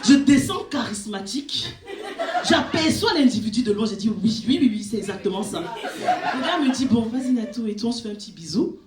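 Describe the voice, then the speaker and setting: A woman performs stand-up comedy, telling a story in an animated way and jumping to shrill peaks. Her voice rings around a reverberant club. A steady wash of crowd noise sits behind her. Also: brisk. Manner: animated storytelling, shrieking at punchlines. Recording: echoey club with audience noise. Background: audience laughter.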